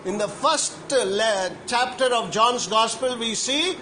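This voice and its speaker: A man's voice: very high voice, bright, forceful tone, a little hiss or hum, rough recording. A priest giving a homily to children, asking them question after question and repeating himself as he goes. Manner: slow, questioning, repeats questions to young listeners. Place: church.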